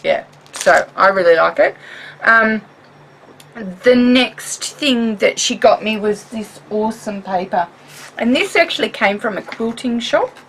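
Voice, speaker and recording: A woman with an Australian accent chatting in a home craft vlog, animated and rambling, laughing often as she shows things. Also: fairly high pitch, unhurried, slight background noise, rough recording. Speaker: craft vlogger. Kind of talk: chatty show-and-tell vlog.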